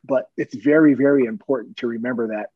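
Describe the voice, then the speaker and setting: A middle-aged man with a husky voice tells stories from his work as a police officer. He is earnest and plain-spoken and chuckles now and then. The recording is dry and dull, with a lo-fi sound. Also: medium pitch, fairly quick, dry recording. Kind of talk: personal storytelling in an interview.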